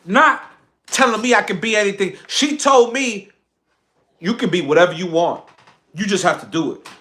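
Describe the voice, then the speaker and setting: On a livestream, a social media content creator gives an impassioned, boastful monologue. His voice is high-pitched and sharp at normal speed, and he speaks emphatically, repeating phrases for effect.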